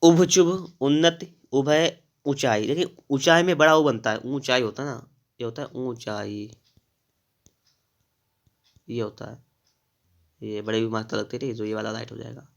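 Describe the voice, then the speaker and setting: A man of middle pitch teaches an exam-prep spelling lesson. He talks straight to his students and checks in often. He spells out each answer step by step and says the key words again slowly. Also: steady tone, gravelly, a bit bright. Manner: addresses students directly, with frequent "thik hai" checks. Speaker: Hindi grammar teacher.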